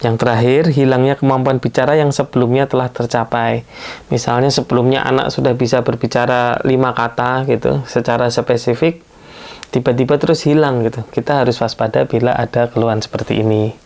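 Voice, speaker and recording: A man with a gravelly, fry-edged voice at an ordinary middle pitch. He speaks as a pediatrician giving an educational health talk. He explains patiently, one numbered point after another. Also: flat delivery, a little fast, darkish tone.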